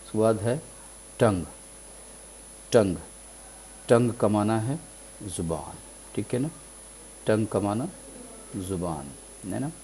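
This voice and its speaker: A man's voice: lowish voice, long pauses, warm tone, slight background noise, rough recording. A man teaching a vocabulary lesson in Urdu, patiently repeating each word and often checking in with his listeners. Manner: frequent "theek hai na" check-ins. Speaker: English teacher.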